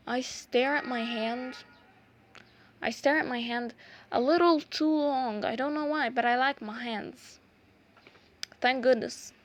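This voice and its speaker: A young woman, an art vlogger whose first language is Arabic, walks through a craft tutorial casually and hesitantly, with many pauses and restarts. Her voice is on the high side and gravelly.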